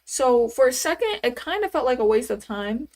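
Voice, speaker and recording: Brief: young woman in her twenties, casual streamer, higher voice, rambling and full of fillers. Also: big pitch swings, normal speed, a little mellow. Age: 20s. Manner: chatty, rambling, answers chat questions with many fillers. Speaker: livestreamer. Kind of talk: casual live-stream chat.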